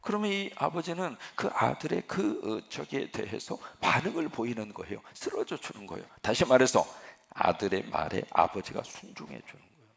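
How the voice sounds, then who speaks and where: A male pastor delivering a sermon, asking the congregation rhetorical questions in an animated preaching manner. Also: medium pitch, normal speed, vocal fry.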